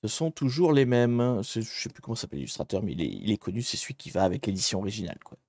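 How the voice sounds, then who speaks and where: A man's voice: lowish voice, sing-song, quick pace, darkish tone, no room sound, studio quality. Chatty man streaming a hacking challenge. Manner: chatty, rambling, self-interrupting. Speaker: livestreamer doing a hacking challenge. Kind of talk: casual live-stream commentary.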